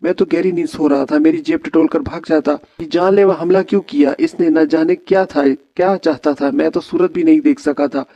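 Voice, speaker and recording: A man reading a horror novel aloud as a storyteller, voicing each character with small pitch lifts. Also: fairly even intonation, normal speed, hardly any pauses, warm tone, dry recording, muffled recording.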